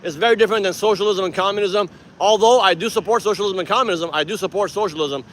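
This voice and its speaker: Rambling, animated man in his forties, from Iran. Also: sits high, quick pace, a little hiss or hum. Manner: rambling, animated, laughs often. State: tired. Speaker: activist vlogger. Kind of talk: casual vlog to camera. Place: city street outdoors.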